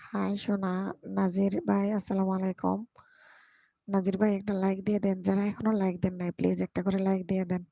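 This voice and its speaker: A woman's voice: mid-range voice, monotone, quick pace, gravelly, mellow, no echo. A woman hosting a casual live stream from home at night, chatting with viewers, greeting and teasing them by name into her microphone. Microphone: microphone, speaking softly at times.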